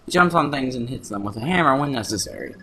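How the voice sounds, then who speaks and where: A man's voice: mid-range voice, sing-song, fast, a bit bright, husky, full character voice. A man voicing a polite, slightly flustered princess in a video game voice-over. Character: polite, prim young princess. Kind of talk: let's play voice-over.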